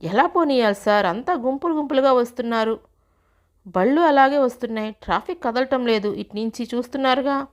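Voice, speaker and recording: A woman's voice: fairly high pitch, a little fast, lightly acted. A woman voicing a harried male chauffeur who pleads and explains in a storybook reading. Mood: pleading.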